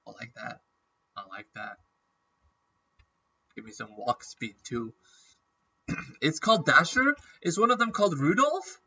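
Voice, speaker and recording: A man rambles through casual gaming commentary, chatty and stopping often to clear his throat against a nagging cough. His voice is very bright and sharp. The sound is dull and a little distant, as if he sits back from the mic. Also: on the high side, huge pitch swings, measured pace, pauses often. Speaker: gaming YouTuber.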